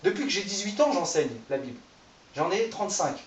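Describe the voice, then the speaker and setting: A man in his thirties gives an informal sermon in a church hall, chatty and self-mocking, joking with the audience. His voice is high with lively intonation and a slightly fast pace. He's heard from far off the mic in an echoey room with slight background noise.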